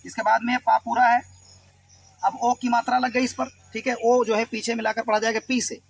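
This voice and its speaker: A man's voice: extremely high pitch, flat delivery, normal speed, slightly rough, rough recording. A man from Uttar Pradesh teaching English reading, patiently spelling words out letter by letter. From Uttar Pradesh, India. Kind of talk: Hindi-language phonics lesson.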